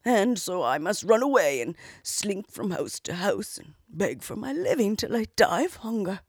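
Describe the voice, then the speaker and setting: A woman's voice: big pitch swings, normal speed, gravelly, slightly rough, no room sound, clean studio sound, heavily acted. A woman voicing a mournful old hound. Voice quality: whispery, higher-pitched. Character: old worn-out male hound, loyal and mournful.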